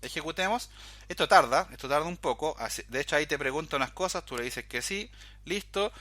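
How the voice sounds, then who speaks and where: A man's voice: a little high, animated, brisk, bright, forceful tone, no room sound. A man teaching a programming tutorial, explaining each step as he goes and often calling the viewer's attention to details. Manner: explanatory, walks through steps, often says "fíjate". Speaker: programming instructor. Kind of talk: screen-recorded coding tutorial.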